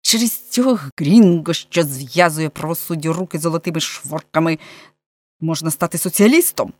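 A woman's voice: sits low, moderate pace, a little mellow, no room sound. A woman doing a grumbling, quarrelsome man. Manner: grumbling, sarcastic.

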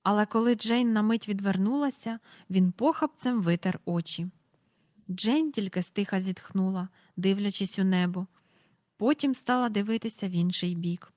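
Calm woman reading a storybook, dry sound. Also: mid-range voice, normal speed, no echo. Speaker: audiobook reader. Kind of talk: storybook narration.

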